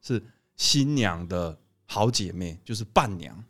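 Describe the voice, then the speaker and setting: Animated, laughing man telling stories. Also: low-pitched, takes it slowly. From Taiwan. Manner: animated, laughs often, lively storyteller. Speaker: podcast co-host, wedding photographer. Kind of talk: casual storytelling chat.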